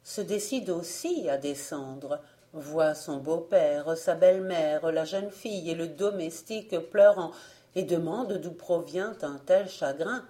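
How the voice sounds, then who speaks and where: Woman narrating an old fairy tale audiobook, slow and soft, lowish voice. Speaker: audiobook reader. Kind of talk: scripted narration of a folk tale.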